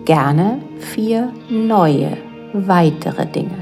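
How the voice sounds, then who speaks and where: A woman leading a guided mindfulness exercise as a yoga guide, speaking calmly and gently with unhurried pauses. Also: medium pitch. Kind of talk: guided meditation narration. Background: soft relaxation music.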